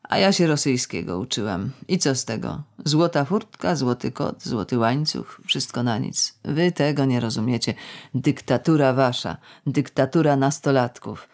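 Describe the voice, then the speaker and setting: An audiobook reader voicing a bitter, tipsy middle-aged woman who rambles in a sardonic, ironic way, drawing out words slowly. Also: rumbling low, lively intonation, darkish tone. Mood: mocking. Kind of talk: audiobook character reading.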